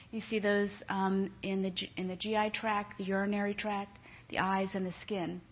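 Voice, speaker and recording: A husky, medium-pitched woman's voice belongs to a middle-aged nurse presenting a conversational conference talk for families. She leans heavily on filler ums, and the lecture was captured in a dull, lo-fi recording.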